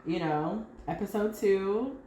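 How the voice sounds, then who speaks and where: A woman's voice: medium pitch, slow, warm tone. A woman in her twenties co-hosting a podcast, chatting in a laid-back, playful way and laughing often. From United States. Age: 20s. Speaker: podcast co-host. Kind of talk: casual chat. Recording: echoey room with background noise.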